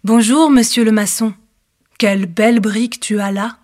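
A woman's voice: a little high, fairly even intonation, normal speed, a little mellow, close to an everyday voice. A woman voicing a small, polite but stubborn little pig in a storybook reading, with emphatic refusals.

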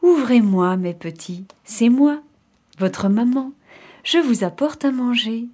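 A woman voicing a cunning big bad male wolf in a storybook reading, with a gruff growling voice that turns wheedling when he tries to fool someone. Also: a little high, expressive, slow, darkish tone. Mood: sweetly sly. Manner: wheedling when disguised, snarling when angry.

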